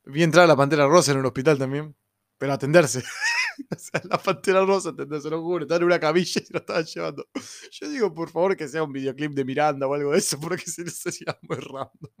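A man's voice: on the high side, fast. A young man with a Rioplatense Spanish accent telling funny anecdotes in a casual, slangy way, laughing as he goes. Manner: laughing, slangy, animated retelling with quoted voices. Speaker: storyteller.

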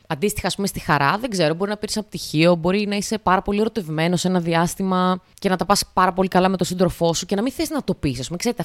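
A woman's voice: medium pitch, no room sound, clean studio sound. A young woman from Greece hosting a casual solo podcast, rambling and sarcastic as she tells stories. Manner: chatty, rambling and sarcastic, with put-on voices for quotes. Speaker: podcast host.

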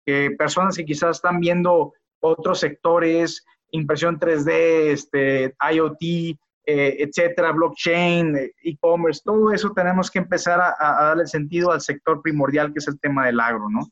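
A man's voice: fairly high pitch, fairly even intonation, normal speed, hardly any pauses, a bit bright. A man, a biotechnologist guest on a podcast, talking earnestly and often repeating words as he restarts his sentences. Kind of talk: casual interview talk. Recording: dull lo-fi audio.

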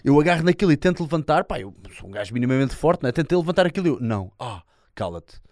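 A man's voice: on the high side, rapid-fire, no echo, clean studio sound. A man with a European Portuguese accent telling a story on his podcast, slangy, swearing and acting out quotes. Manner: animated, slangy, swears a lot, acts out shouted quotes. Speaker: podcast host. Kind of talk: casual storytelling monologue.

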